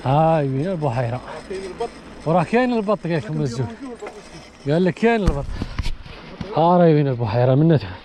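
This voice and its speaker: A man with a western Algerian accent chatting casually and excitedly repeating short phrases for an outdoor vlog, with wind noise on the mic. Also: fairly high pitch, fast, long pauses. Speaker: vlogger on a bicycle trip. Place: outdoors in open countryside.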